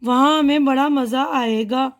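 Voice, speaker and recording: A woman reading the part of the schoolchild Shada from a primer dialogue, slowly and carefully. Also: high voice, steady tone. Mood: cheerful. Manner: slow, careful reading aloud.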